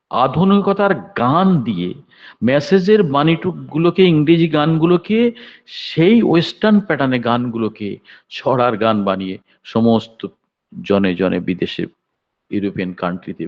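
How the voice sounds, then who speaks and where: A man's voice: mid-range voice, expressive, moderate pace. A man in his seventies giving a devotional sermon, telling stories with sudden emphatic raised bursts. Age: 70s. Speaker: devotional speaker. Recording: dull lo-fi recording.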